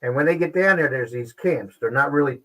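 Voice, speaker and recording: A man hosting a casual livestream show, talking with frequent pauses and restarts. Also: medium pitch, bright, forceful tone, low-quality recording. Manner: halting, pauses and restarts often. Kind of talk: casual live-stream talk.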